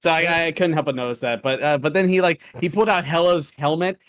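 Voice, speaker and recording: A man's voice: fairly high pitch, fast talker. A man co-hosting a casual review chat, rambling through points with frequent restarts and small chuckles at his own nitpicks. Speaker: co-host reviewing an animated episode.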